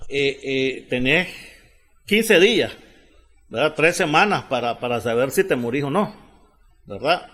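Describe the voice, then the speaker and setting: Host tagging every point. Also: male voice, mid-range voice, a bit bright. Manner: keeps adding tag questions and doubled fillers. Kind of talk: analytical talk-show conversation.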